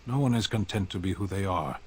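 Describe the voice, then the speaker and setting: Deep stoic game warrior, terse and deadpan, kinda noisy ambience behind. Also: male voice, a little fast. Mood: curt, dry. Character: stoic, blunt warrior man from a foreign land. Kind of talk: video game character dialogue.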